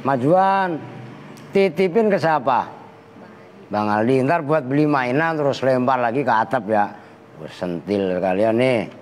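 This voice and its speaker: A man's voice: medium pitch, unhurried. A man with a Betawi Jakarta accent, a kyai teaching Arabic grammar to students in a casual, slangy, teasing way. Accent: Betawi Jakarta Malay. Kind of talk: casual classroom lesson with banter. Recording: reverberant hall with faint background noise.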